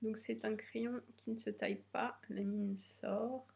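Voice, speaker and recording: This beauty vlogger, a young woman with a slightly stuffy nose from a cold, chats through an unboxing of beauty products. It is her first video and she is nervous, hesitant and full of fillers. Her voice is on the high side, creaky and a little mellow, with fairly even intonation at a measured pace.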